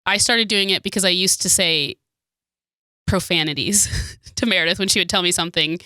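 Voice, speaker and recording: A woman's voice: lowish voice, normal speed, pushed and bright, no echo, studio quality. A young woman co-hosting a podcast in casual chat, rambling and giggling often. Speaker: podcast co-host.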